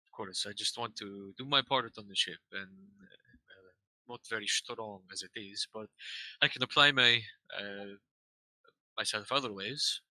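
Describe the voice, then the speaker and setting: A man's voice: fairly low pitch, normal speed, pushed and bright, dry recording, rough recording. A man playing a tabletop game, describing his character's actions and stammering with many fillers. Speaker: player.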